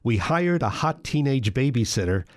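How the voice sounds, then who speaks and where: A man hosting an interview, asking questions in a relaxed, slightly hesitant way and laughing easily. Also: mid-range voice, normal speed. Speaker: interviewer host.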